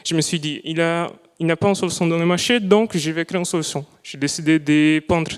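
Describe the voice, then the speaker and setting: In a lecture hall with long reverb, a young man presents his student project live in French, a language he didn't grow up with. His slightly high, smooth voice moves carefully, often restarting as he searches for words.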